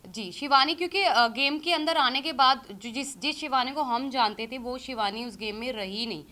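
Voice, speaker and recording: A woman in her thirties, an interview guest, giving critical views in a measured, hesitant way. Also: high voice, pushed and bright. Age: 30s. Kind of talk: casual interview talk.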